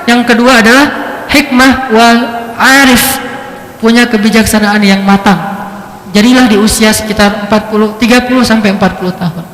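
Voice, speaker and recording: High-voiced man preaching in an echoey hall. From Indonesia. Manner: lively storytelling, shifting pitch for effect. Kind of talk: religious lecture.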